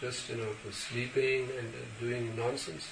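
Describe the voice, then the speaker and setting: An older man, a spiritual teacher, answers questions in short phrases, pausing for an interpreter. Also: medium pitch, level tone, creaky, a bit bright. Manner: measured, pauses for translation. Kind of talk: sermon Q&A with interpreter. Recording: echoey hall, distant mic, background noise.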